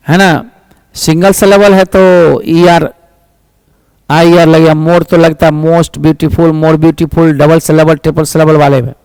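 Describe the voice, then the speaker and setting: High-voiced man teaching grammar. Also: creaky, darkish tone, no room sound, rough recording. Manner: reads English sentences slowly, explains quickly in Hindi; addresses students as "my child". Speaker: English teacher. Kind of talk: exam-prep grammar lesson.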